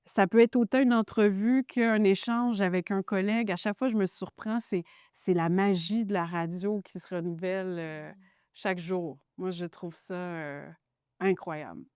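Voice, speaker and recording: Woman, radio journalist, mid-pitched, thoughtful, lots of hesitation, dry close sound. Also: steady tone, normal speed, a little mellow, clear, resonant tone, dry recording. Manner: reflective and enthusiastic, many hesitations. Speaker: radio journalist and host, interview guest. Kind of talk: casual interview conversation. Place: radio studio.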